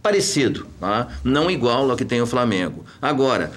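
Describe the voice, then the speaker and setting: Brief: man, club-director type, animated and emphatic, middle pitch. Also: moderate pace. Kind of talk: talk show debate.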